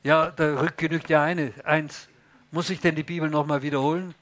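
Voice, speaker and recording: A man's voice: on the high side, little pitch movement, normal speed, a bit bright. A man preaching a sermon in an emphatic way, often putting questions to the congregation.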